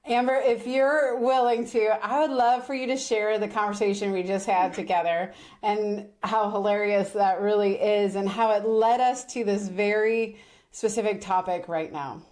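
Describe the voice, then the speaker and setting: A woman coaching host on a podcast, talking with bright enthusiasm and giggling. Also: mid-range voice, fairly even intonation, normal speed. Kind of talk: casual podcast chat.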